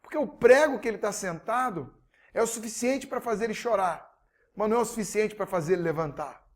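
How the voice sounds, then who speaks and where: A man voicing a calm elderly man in a rocking chair, unbothered and drawling. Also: high voice, brisk, natural voice.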